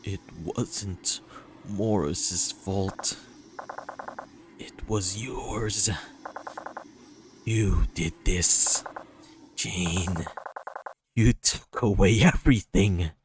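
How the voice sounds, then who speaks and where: A voice actor reads emotional, dramatic visual novel dialogue as a gentle, insecure young man in a dating game, his low voice exaggerated and his delivery halting, earnest, and tender. The mood comes across cold and accusing. Music plays under him against a noisy background.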